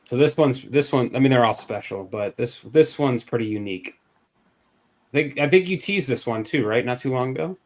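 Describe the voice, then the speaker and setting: A man's voice: mid-range voice, lively intonation, normal speed. A man hosting a casual live-stream card giveaway over a video call, loose and chatty, often restarting his sentences.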